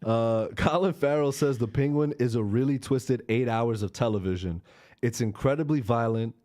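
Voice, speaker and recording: A man hosts a casual film and TV podcast. He has an easy, relaxed delivery and leans on plenty of filler words as he runs through the news. His voice sits at a middle pitch. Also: moderate pace. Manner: relaxed, laughs often, many fillers. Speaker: podcast host. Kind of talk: casual chat.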